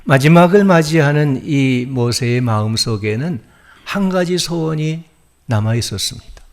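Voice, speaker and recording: A man's voice: on the high side, lively intonation, normal speed, gravelly. A male pastor giving a Sunday sermon, telling the story and asking the congregation questions.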